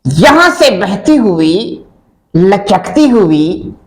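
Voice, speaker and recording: A man acting an angry aging male government schoolteacher in a comedy sketch, who bursts into shouting rants and then sinks into a low grumbling mutter. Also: big pitch swings, very slow, exaggerated voice, poor audio. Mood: grumbling storyteller. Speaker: comic guest character.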